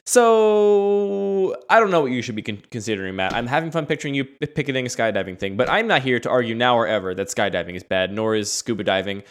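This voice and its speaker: Male co-host, middle pitch, easygoing, argues a point step by step with frequent laughs. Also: lively intonation, fast talker. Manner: reasoning, laughs often. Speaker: podcast co-host. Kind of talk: casual conversation.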